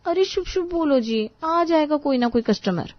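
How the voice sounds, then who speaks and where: A woman playing an excitable scheming young wife. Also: high voice, moderate pace. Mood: pleading. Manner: excited, boastful. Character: chatty scheming young wife, big dreamer. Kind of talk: cartoon voice acting. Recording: dull dry studio voice-over.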